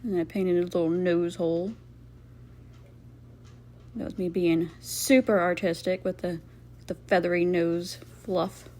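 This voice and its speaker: A woman's voice: lowish voice, fairly even intonation, measured pace, long pauses, darkish tone. A woman giving casual, rambling craft voice-over commentary as host, playfully sarcastic and self-deprecating.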